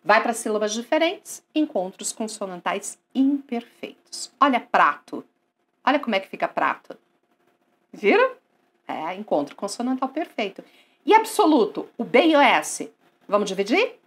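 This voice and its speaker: Grammar lesson, female teacher, coaxing, a bit high and breathy. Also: moderate pace. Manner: lively, coaxing, asks and answers her own questions.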